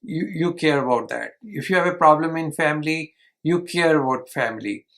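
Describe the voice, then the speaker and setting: Man for an informal book-summary lesson, somewhat high-pitched, earnest, repeats himself. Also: expressive, normal speed, fairly bright tone. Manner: earnest, repeats and restarts phrases, non-native phrasing. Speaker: channel host summarizing a book.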